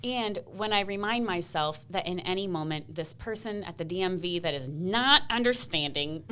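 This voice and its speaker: Lively, bright-voiced woman storyteller. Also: on the low side, normal speed, slight background noise. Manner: animated, laughs often, acts out voices in her stories. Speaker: podcast guest, comedian and speaker. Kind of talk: casual interview storytelling.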